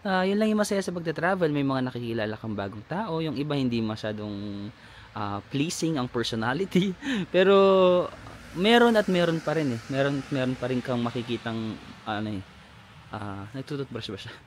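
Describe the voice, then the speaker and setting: A man's voice: mid-range voice, animated, moderate pace, slight background noise. A man, chatting animatedly in a casual travel vlog outdoors, laughing often. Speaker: travel vlogger. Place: outdoors in a lakeside village.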